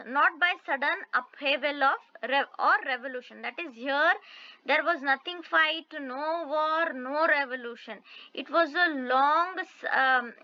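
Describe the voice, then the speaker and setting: Woman, history teacher, hesitant with fillers, sharp voice, lo-fi recording. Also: high-pitched. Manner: hesitant, many fillers and restarts. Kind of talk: online history lesson. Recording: dull lo-fi recording.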